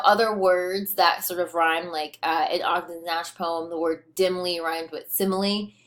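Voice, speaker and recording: A woman with a slightly low voice teaches a lesson on poetry. Her talk is loose and conversational, full of fillers and restarts, and she shifts into a rhythmic, emphatic reading when she recites verse. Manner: reads poem aloud with rhythmic emphasis. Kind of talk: recorded lecture on poetry.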